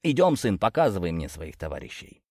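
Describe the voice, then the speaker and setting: A man voicing a gruff, blunt older working-class father who jokes in a folksy way. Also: deep voice, very animated, a little fast, no echo, studio quality, pitched below the performer's own voice, heavily acted.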